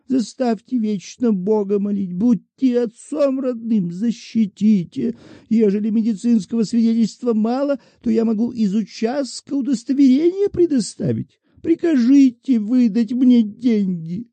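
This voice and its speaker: A man voicing a shrill, wheedling old woman petitioner in a high falsetto. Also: animated, measured pace, warm tone, no echo, full character voice. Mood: pleading.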